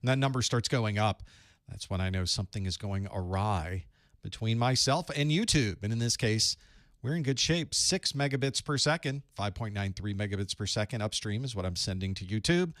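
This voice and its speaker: A man's voice: lowish voice, moderate pace, a bit bright, no room sound, clean studio sound. A man hosting a live study-group stream, chatting casually and greeting viewers while he sets up his gear.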